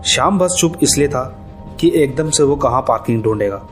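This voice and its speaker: A man narrating a scripted horror story in a steady, even storytelling manner. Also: mid-range voice, brisk. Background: faint background music.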